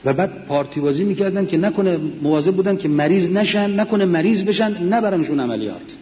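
A man's voice: sits high, animated. Older man telling war memories, echoey hall. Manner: earnest storytelling, quoting comrades. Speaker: war veteran speaker. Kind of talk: memoir talk to a mosque audience. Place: large mosque hall. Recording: echoey, dull lo-fi hall recording.

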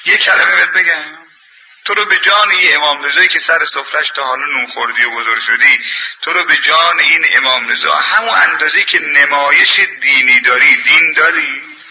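A man's voice: on the high side, pushed and bright, rough recording. A man preaching a sermon in an impassioned, colloquial scolding manner, telling anecdotes.

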